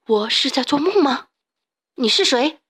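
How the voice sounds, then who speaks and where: Woman doing a shrill frightened chick. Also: normal speed, natural voice. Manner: high, shrill and panicky. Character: stubborn, frightened young chick boy.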